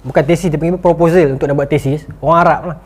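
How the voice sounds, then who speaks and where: A man giving a motivational lecture, telling stories with animated delivery and acted-out quotes. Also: on the high side, racing, breathy edge. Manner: animated storytelling, acting out quotes. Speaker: motivational speaker.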